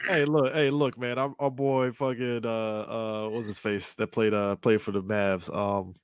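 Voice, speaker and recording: A man's voice: fairly low pitch, fairly even intonation, a little slow, clear, resonant tone, no echo. A man co-hosting a casual sports podcast, telling stories animatedly and laughing often. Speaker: podcast co-host.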